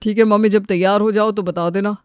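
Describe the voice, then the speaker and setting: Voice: mid-range voice, steady tone, fairly quick, smooth, no echo, studio quality, lightly acted. A voice actor playing a careless young adult son in a cartoon, casual and breezy.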